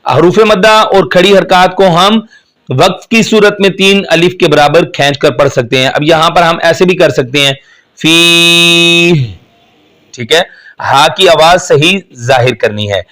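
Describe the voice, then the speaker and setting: A man teaching Quran recitation in Urdu, who patiently explains the rules step by step and then chants the verses slowly and melodically. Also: on the high side, fairly bright tone. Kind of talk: slow step-by-step tajweed lesson.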